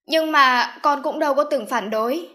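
A woman's voice: sits high, moderate pace, bright, forceful tone, voice pushed up. A woman voicing a scheming, stubborn middle-aged mother in an audiobook, insistent and commanding. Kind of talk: audiobook character voice.

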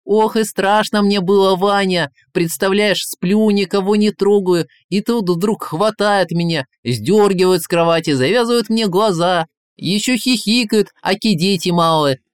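A man voicing the Tsar, an excitable, frightened old man who chatters breathlessly in a high voice. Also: a little slow, smooth, no room sound, studio quality. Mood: excited chatter.

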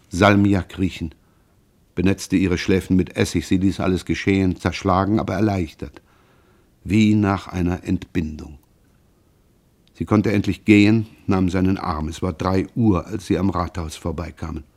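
A man narrating a classic novel aloud in a measured, grave and expressive reading. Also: deep voice. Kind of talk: literary audiobook reading.

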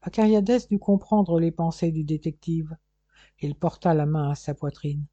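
A man reading an audiobook in a measured, steady way, with scripted narration, on a dull, lo-fi, dry recording. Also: a little high, dry recording. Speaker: audiobook reader. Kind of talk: scripted narration of a crime novel.

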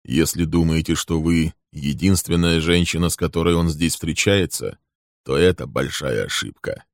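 A man voicing a composed man who speaks slowly and evenly. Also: very deep voice, no room sound, clean studio sound. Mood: measured. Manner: slow, level, measured. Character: calm, composed man, coolly threatening.

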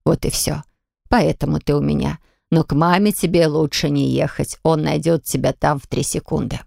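A shrewd old grandmother in a storybook, low and gravelly, drawing her words out in a slow, knowing way, as a woman narrator puts her on. The sound is close and dry. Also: fairly even intonation, mellow, no room sound, exaggerated voice. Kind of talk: audiobook character voicing.

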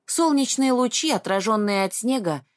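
A woman narrating an audiobook in a calm, even storytelling manner. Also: on the high side, normal speed, no echo, clean studio sound.

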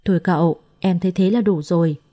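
A woman voicing a shy, gentle young wife who speaks softly in a storybook reading. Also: fairly low pitch, brisk, dry recording, studio quality, natural voice. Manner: soft, shy.

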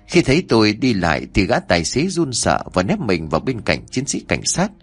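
A man's voice: lowish voice, wildly swooping pitch, brisk, husky, faint music behind. A man narrating a horror story in a dramatic storytelling manner.

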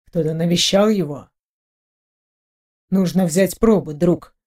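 A woman reading an audiobook, voicing a grim male security officer who talks low and clipped. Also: moderate pace, warm tone, close to an everyday voice. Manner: low, clipped, through the teeth.

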